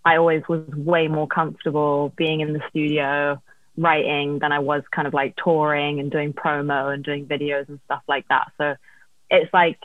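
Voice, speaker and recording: A woman's voice: low-pitched, little pitch movement, moderate pace, no echo, phone-quality sound. A woman songwriter being interviewed, chatting casually about her career over thin call audio. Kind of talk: casual chat, telling career story.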